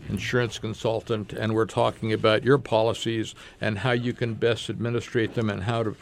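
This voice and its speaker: A man's voice: lowish voice, level tone, normal speed, vocal fry, slight background noise. A man hosting a community talk radio show, speaking earnestly and repeating words as he thinks.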